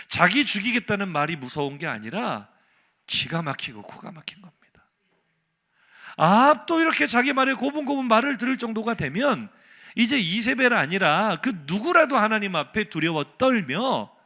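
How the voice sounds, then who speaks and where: A man's voice: high-pitched, sharp tone. A male pastor delivering a Sunday sermon in a church, asking the congregation rhetorical questions and having them repeat phrases after him. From South Korea. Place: church sanctuary.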